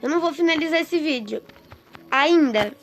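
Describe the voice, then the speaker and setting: A woman chatting excitedly and with exasperation to her viewers while commenting on a game she is playing. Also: high-pitched, moderate pace. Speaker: gaming streamer. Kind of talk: casual gameplay commentary. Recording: noisy with clicks.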